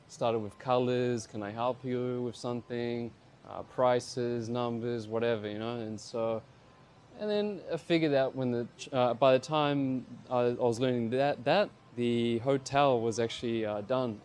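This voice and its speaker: Speaking in a medium-pitched, darkish voice, a young New Zealander addresses his viewers in a relaxed, informal vlog about language learning, recounting his own story. Slight background noise can be heard.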